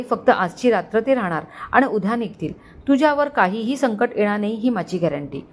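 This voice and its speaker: A woman voicing a quick-witted young man who reassures and speaks politely in a read-aloud story. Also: a little high.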